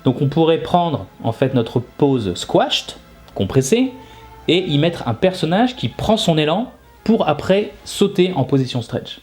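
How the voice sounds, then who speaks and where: A man's voice: a little high, sing-song, a little slow, a little mellow. Informal man teaching, faint music behind. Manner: informal, explanatory, frequent tag words. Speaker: animation teacher and video host. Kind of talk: casual explanatory video lesson.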